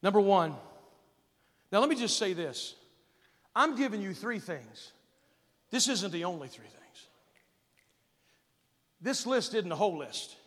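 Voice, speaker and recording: A man with a high-pitched voice preaches as a pastor to a room of kids. He throws questions at his listeners and swells into loud, emphatic bursts, his words trailing off into the long reverb of a large hall. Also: expressive, unhurried, long pauses. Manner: preaching with call-and-response questions, rising to loud emphatic peaks. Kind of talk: sermon to kids at a camp.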